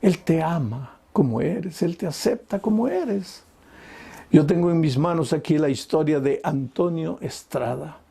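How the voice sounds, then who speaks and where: Male preacher, husky and a little high, pleads and pushes hard in sermon style. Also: expressive, measured pace, dark tone. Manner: emphatic and pleading, voice swinging high and low. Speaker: pastor. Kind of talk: evangelistic sermon.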